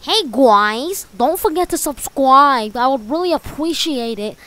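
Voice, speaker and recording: Woman, very high voice, loud upbeat outro, casual vlog. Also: animated, measured pace. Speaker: vlogger. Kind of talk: channel outro.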